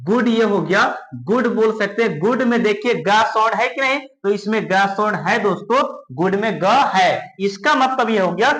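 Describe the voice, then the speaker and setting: High-voiced man teaching English phonics. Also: normal speed, few pauses, fairly bright tone, reverberant, rough recording. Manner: repetitive question-and-answer teaching. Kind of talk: spoken English lesson.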